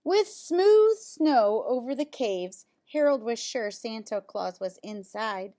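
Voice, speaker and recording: In a warm, fairly high voice, a storyteller reads a picture book aloud to children very slowly, sounding animated as her pitch moves up and down a lot. Now and then she breaks off to talk about the pictures and ask the kids questions.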